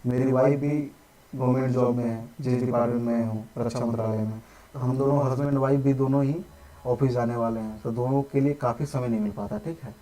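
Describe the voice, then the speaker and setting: A man's voice: medium pitch, fairly even intonation, fairly quick, warm tone, low-quality recording. A young adult man teaching basic percentages in a live online maths lesson, explaining patiently, repeating each step and checking in with his students often. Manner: patient, repeats steps, says "ठीक है" often.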